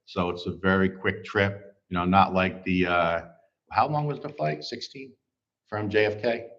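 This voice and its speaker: Middle-aged male host, deep voice, easygoing filler-heavy livestream talk, slightly muffled sound. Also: a little slow, fairly bright tone. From United States. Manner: rambling, many fillers and restarts. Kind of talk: casual livestream chat, reading viewer comments. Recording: slightly dull livestream audio.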